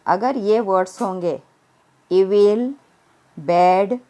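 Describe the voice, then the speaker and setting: Speaking with warmth at a medium pitch, a female primary school English teacher leads a recorded grammar lesson in a calm, measured way. She blends Hindi with English, slowing down for English phrases and spelling each word letter by letter. When she explains in Hindi, she picks up speed.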